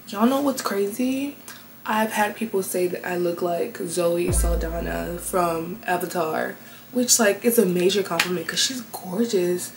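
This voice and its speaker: A woman host reading online confessions aloud from her bed, casual and slangy, reacting out loud as she reads. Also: medium pitch, noisy background. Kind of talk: casual chatty commentary.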